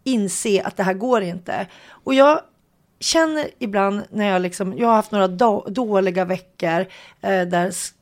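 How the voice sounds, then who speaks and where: A middle-aged woman co-hosting a casual chat, emotional and excitable, laughing easily. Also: medium pitch. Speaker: co-host.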